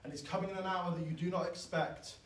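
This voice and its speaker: A man, preaching a sermon in an earnest, pleading way that swells loud and then drops soft. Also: high voice, fairly even intonation, fast. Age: 20s. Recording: echoey, from far off.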